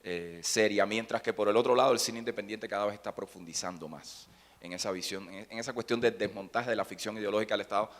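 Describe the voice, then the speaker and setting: Speaking quickly in a low voice, the same kind of panelist muses aloud in an echoing conference hall, pausing and restarting his phrases again and again during the academic discussion.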